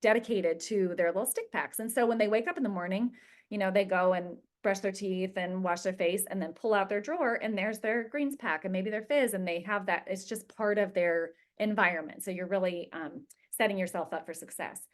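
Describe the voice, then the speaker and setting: A woman's voice: mid-range voice, brisk. A middle-aged woman leading a group coaching session on habits, chatty and informal with lots of fillers. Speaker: wellness coach. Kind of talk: casual group coaching talk.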